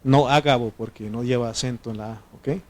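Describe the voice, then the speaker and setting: A man's voice: mid-range voice, steady tone, fairly quick, warm tone. A man preaching a sermon, teaching the congregation and checking in with frequent questions. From Mexico. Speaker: pastor.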